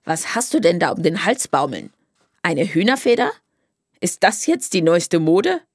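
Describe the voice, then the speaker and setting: A woman reading a storybook voices a stern, gruff elderly grandmother who scolds sharply. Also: medium pitch, normal speed, no echo, clean studio sound, close to an everyday voice. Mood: barking. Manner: curt, scolding.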